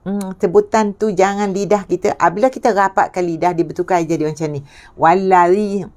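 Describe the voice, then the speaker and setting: A woman's voice: lowish voice, steady tone, fast talker, a little mellow. A middle-aged Malaysian woman teaching Quran pronunciation, patiently repeating sounds and asking checking questions. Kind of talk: tajwid lesson on letter pronunciation.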